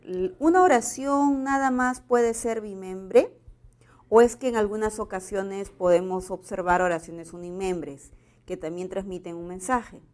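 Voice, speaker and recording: Woman, Peruvian Spanish accent, exam-prep teacher, patient explanatory delivery, mid-pitched voice. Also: darkish tone. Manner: explanatory, checks in with "¿verdad?". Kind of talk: exam prep grammar lesson.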